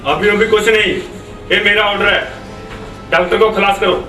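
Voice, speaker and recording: A man playing a domineering commander, his high, bright voice giving curt orders. He sounds far off in an echoey space, with music behind. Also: fairly even intonation, moderate pace. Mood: commanding.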